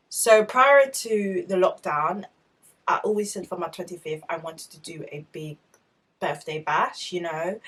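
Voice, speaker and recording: A woman's voice: on the low side, rough recording. A twenty-five-year-old woman, chatting candidly to camera in a casual vlog, full of "like" and "obviously". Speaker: vlogger.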